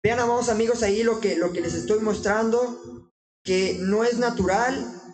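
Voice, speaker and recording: A man preaching informally in an earnest, exhorting way, often halting and restarting his sentences. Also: high voice, fairly even intonation, a little mellow, rough recording.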